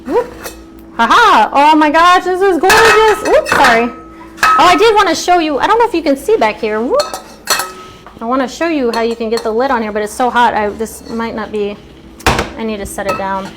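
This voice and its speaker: A woman's voice: a little high, brisk, heavy background noise. A woman hosting a live cooking demonstration, chatty and upbeat, sometimes stepping away from the mic. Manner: chatty, upbeat, eating while talking.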